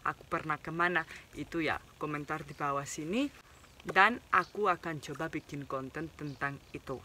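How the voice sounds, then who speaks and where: A vlogger from Spain, a native speaker of Spanish and Basque, chats casually with viewers in Indonesian as a foreigner, using informal slang and a mixed foreign accent. His voice is fairly high and sharp, with a little hiss or hum.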